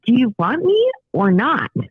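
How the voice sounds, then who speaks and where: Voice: medium pitch, huge pitch swings, normal speed, husky, no echo, full character voice. Tina, a voice-changed caller playing a flirty neighbor lady. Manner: coy, giggly, flirtatious. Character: flirty female next-door neighbor. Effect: voice changer making the voice sound morphed. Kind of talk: prerecorded prank call. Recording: tinny phone line with a processed voice.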